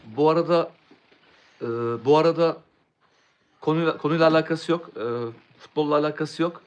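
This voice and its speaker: A man's voice: a little high, flat delivery, moderate pace. A young man chatting casually on a live stream, rambling, restarting words and answering viewers' chat.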